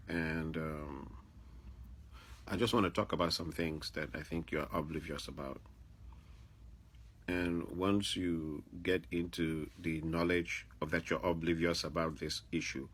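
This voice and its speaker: A man's voice: low-pitched, sharp tone, slightly rough. A man from Africa, speaking straight to camera in emphatic commentary and repeating his points to press them. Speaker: vlogger. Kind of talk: direct-address commentary.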